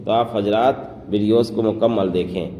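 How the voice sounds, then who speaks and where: A man teaching how to pronounce prayer phrases, explaining quickly and then reciting each phrase slowly and drawn out. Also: on the low side, steady tone, warm tone. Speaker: religious teacher. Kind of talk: pronunciation lesson on prayer phrases. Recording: echoey room, faint background noise.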